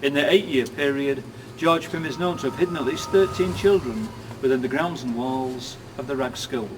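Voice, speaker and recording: A man's voice: mid-range voice, moderate pace, noisy background. A man working as a ghost walk guide, telling grim stories theatrically in short, emphatic, projected phrases outdoors. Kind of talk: theatrical ghost-story storytelling to a tour group. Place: outdoors in a city street. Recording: distant outdoor microphone, music behind.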